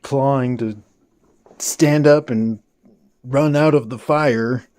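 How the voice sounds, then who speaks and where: Male vlogger, casual rambling storyteller with frequent swearing and a warm, unhurried delivery. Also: mid-range voice, fairly even intonation. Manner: rambling, swears often, restarts a lot.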